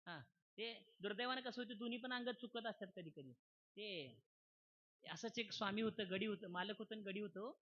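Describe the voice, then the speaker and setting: A man's voice: sits high, moderate pace. A man, giving a humorous devotional sermon in a folksy style, often checking that the crowd is following. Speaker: kirtan preacher. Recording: dull lo-fi recording.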